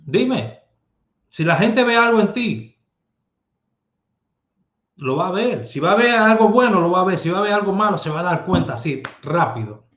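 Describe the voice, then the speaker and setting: High-voiced man, emphatic. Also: expressive, normal speed, long pauses, a bit bright. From Dominican Republic. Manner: emphatic and streetwise, with rhetorical tag questions. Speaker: lottery numerologist host. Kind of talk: casual advice monologue. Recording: echoey room, dull lo-fi sound.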